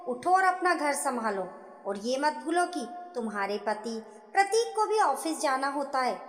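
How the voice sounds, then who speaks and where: A harsh middle-aged mother-in-law barks orders in a high, sharp, irritated voice, as a woman narrator puts her on. Her pitch leaps about as she scolds, and the sound rings in an echoey room with a long reverb tail.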